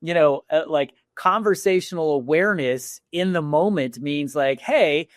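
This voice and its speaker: Animated man talking sales, dry sound. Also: a little high, normal speed, no room sound. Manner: animated, restarts often, acts out sample lines. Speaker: podcast guest, sales executive. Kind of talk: casual interview talk.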